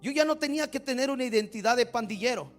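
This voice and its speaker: A male pastor delivering a sermon in a very high voice, with soft music under his words. He tells stories quietly, then builds to emphatic rising bursts. He acts out prayers and keeps asking the congregation rhetorical questions. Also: fast.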